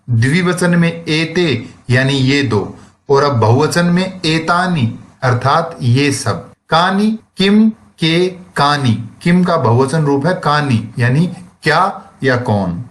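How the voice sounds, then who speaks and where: Male teacher, fairly high voice, slow and methodical lesson delivery. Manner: slow, explains word by word with translations. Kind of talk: recorded classroom lesson.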